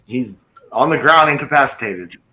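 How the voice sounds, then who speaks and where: A man's voice: medium pitch, expressive, moderate pace, sharp tone. A man running a tabletop game as dungeon master, talking casually and swearing freely.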